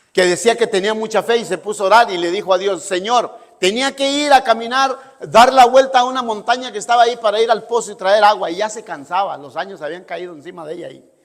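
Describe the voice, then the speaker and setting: High-voiced preacher man in a reverberant hall. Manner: emphatic, asks listeners "¿sí?" often. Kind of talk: sermon.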